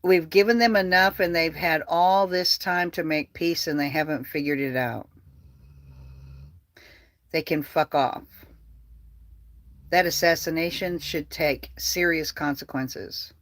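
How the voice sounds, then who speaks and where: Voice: medium pitch, a little slow, pauses often, fairly bright tone, no room sound. A vlogger delivering an angry political rant, heated, profane and repetitive.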